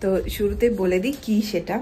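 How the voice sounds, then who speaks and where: Soft-spoken woman vlogging at home. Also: medium pitch, brisk, slight background noise. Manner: hushed, soft-spoken narration. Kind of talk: casual vlog chat. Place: family home.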